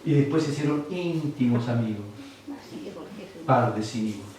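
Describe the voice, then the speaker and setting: A man with a Chilean Spanish accent preaching a sermon as pastor, lively and acting out other people's voices. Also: mid-range voice, moderate pace, noisy background. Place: church. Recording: far-off mic in echoey church hall.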